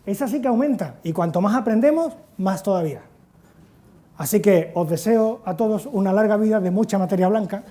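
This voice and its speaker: A man, giving a lively talk at an education conference. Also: sits high. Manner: lively storytelling, acts out quotes loudly. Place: conference hall.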